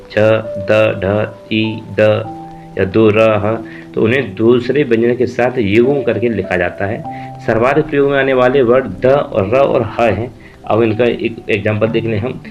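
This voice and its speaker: A man teaching a Hindi spelling lesson, explaining rules step by step and spelling out letters while he writes examples. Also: mid-range voice. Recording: dull lo-fi audio with faint music.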